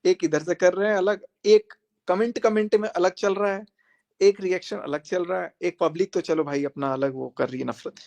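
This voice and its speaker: A man's voice: high voice, fairly even intonation, moderate pace, gravelly, darkish tone. A young man on a live stream, speaking defiantly and confrontationally, repeating phrases for emphasis as he challenges his critics. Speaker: social media creator on a live stream. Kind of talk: heated live-stream monologue.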